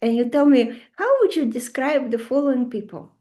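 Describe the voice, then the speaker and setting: A woman's voice: high-pitched, normal speed, mellow. A woman with a Russian accent giving an informal astrology lecture, emphatic and conversational, often putting rhetorical questions to her listeners. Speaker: astrology teacher. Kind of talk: informal lecture to a live group.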